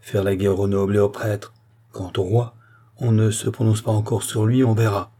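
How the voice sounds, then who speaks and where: A man's voice: fairly low pitch, flat delivery, normal speed, warm tone, close to an everyday voice. A man reading an earnest revolutionary statesman pleading. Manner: urgent, explanatory pleading. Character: earnest male politician warning a queen.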